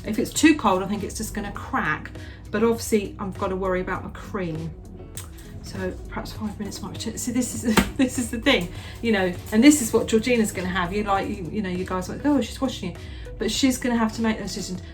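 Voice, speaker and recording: With soft music behind her, a middle-aged woman, the host's mother and a home baker, chats as she bakes. She speaks at a medium pitch and a little fast, rambling and restarting often and sprinkling in "you know."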